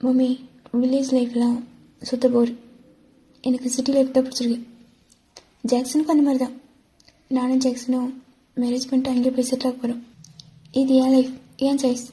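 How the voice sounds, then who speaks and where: A defiant, stubborn young son, voiced by a woman in a fan voice-over drama. The voice stays fairly high and very mellow in tone. He argues back with his mother, insisting on his own choices. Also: level tone, brisk, long pauses, breathy edge. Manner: defiant, pleading. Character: stubborn young man, city-loving son.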